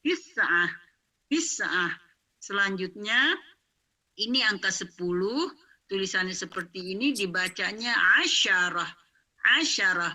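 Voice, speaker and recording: A woman teaching young children, speaking slowly and drawing out words so they can repeat them. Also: medium pitch, expressive, pushed and bright, far from the mic. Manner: slow, drawn-out, clear enunciation for pupils to repeat. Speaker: Arabic teacher.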